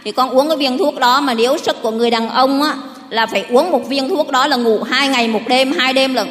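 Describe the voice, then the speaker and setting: A middle-aged woman with a high, brisk, somewhat bright voice gives a parishioner's testimony at church. Her storytelling is rambling and heartfelt, full of restarts, and the recording has a long hall reverb.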